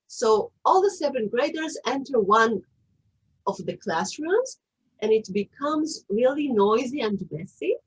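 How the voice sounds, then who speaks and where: Husky-voiced woman presenting online. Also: fairly high pitch, very animated, a little slow, lo-fi sound. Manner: hesitant, explanatory, many fillers and restarts. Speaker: author presenting her book.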